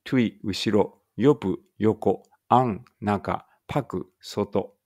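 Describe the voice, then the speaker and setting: A man from an English school slowly reading Korean vocabulary aloud with Japanese meanings, stumbling now and then and adding small asides, with a trace of an Ibaraki accent. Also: lowish voice, darkish tone. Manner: reads each word then its meaning, with small slips and asides. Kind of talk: slow read-aloud vocabulary practice.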